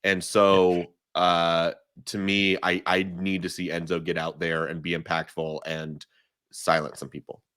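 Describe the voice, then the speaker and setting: A man's voice: deep voice, little pitch movement, measured pace, sharp tone, clear, resonant tone, no echo, studio quality. A man giving emphatic, opinionated takes as a guest in a casual podcast chat, often restarting his sentences. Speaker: guest analyst.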